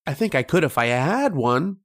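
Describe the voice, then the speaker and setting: In an old-time radio drama, a man voices a dreamy, insistent young boy, talking in a halting, earnest, childlike manner. His tone is slightly high, very animated, and fairly bright.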